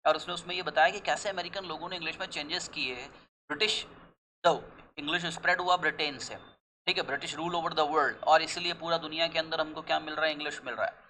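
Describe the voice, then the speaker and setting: A young Indian-accented man teaches English pronunciation in a bright, fairly high voice, with faint noise under the recording. He moves slowly and deliberately through the English words, rushes the Hindi asides, and keeps asking his class questions that he answers himself. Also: steady tone, poor audio. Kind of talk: classroom lesson.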